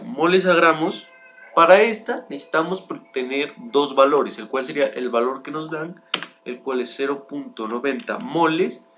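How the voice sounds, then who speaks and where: A man's voice: on the high side, a bit bright. A young man, a student, works through chemistry exercises aloud in a methodical way, often restarting his phrases. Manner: methodical, starts many sentences with "bien", restarts often. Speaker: student presenting homework.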